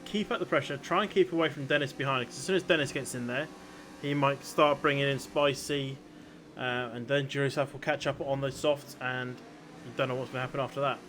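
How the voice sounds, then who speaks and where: Mid-pitched man, motorsport commentator, noisy background. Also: steady tone, fairly quick, a bit bright. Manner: motorsport commentator explaining incidents and strategy. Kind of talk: conversational race analysis commentary.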